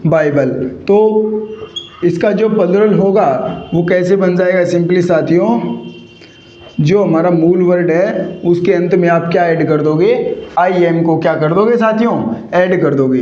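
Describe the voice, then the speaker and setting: A male English grammar teacher lectures at a rather high pitch. He keeps asking rhetorical questions and repeating the answers, drilling every point. The recording is muffled and echoey. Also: warm tone, slight background noise. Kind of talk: classroom lecture.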